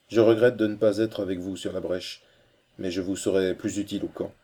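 A man reading a novel aloud as audiobook narrator, in a measured, steady storytelling way. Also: on the low side.

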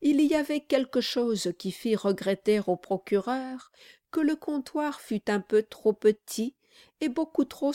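A woman narrating a classic novel in a measured, even way. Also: on the high side, no echo, studio quality. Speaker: audiobook narrator. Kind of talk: scripted literary narration.

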